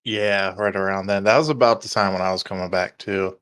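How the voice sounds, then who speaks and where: A man from Canada hosts a podcast interview. His voice sits low, and he asks questions in a loose, playful, chatty way. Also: steady tone, brisk, a bit bright, clean tone. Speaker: host.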